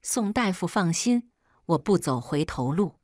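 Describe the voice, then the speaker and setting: A woman narrating a first-person story aloud, expressive and biting in the heroine's lines. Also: on the low side, a little slow, no room sound, clean studio sound.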